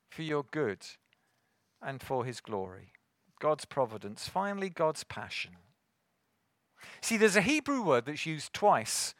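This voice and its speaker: An earnest man preaching from the pulpit, his voice pitched high for a man and his delivery slow and measured. He builds to forceful emphasis on key phrases, and the sound is close and dry with little room around it. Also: no echo. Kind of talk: sermon.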